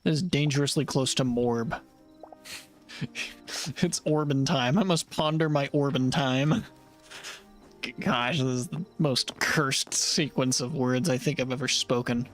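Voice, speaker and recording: A man's voice: medium pitch, measured pace, pauses often, soft background music. A young man giving playful, jokey commentary while playing a video game and talking to the creatures he meets. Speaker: streamer. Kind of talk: casual gameplay commentary.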